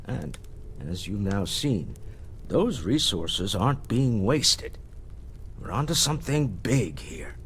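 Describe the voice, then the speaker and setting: Animated, urbane older businessman. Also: lowish voice, takes it slowly, slight background noise, full character voice. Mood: thoughtful, intrigued. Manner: urbane, self-assured, wryly conversational. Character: wealthy, proud older businessman, genteel and wry. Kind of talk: scripted video game dialogue.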